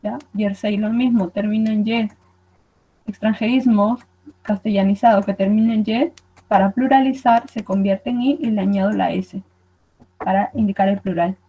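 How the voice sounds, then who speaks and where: A woman's voice: medium pitch, steady tone, normal speed, dark tone, poor audio. A woman teacher gives a recorded online lesson, explaining patiently and checking in with her students as she goes. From Peru.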